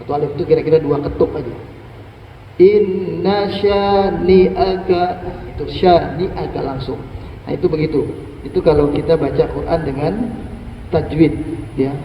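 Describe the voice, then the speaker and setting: High-voiced man teaching Quran recitation in an echoey hall. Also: steady tone, slight background noise. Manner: explains patiently, chants verses slowly to demonstrate. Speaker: religious teacher. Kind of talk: morning study lecture on Quran recitation. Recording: echoey hall, distant lo-fi mic.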